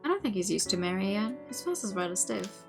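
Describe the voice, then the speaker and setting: A playful, expressive woman game streamer reading a visual novel aloud, with casual asides to chat. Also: mid-range voice, quick pace, vocal fry, soft background music.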